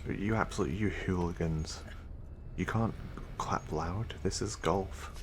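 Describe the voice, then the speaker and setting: A man's voice: deep voice, measured pace, slight background noise. A man with an English accent commenting casually while streaming a speedrun, rambling with fillers and restarts.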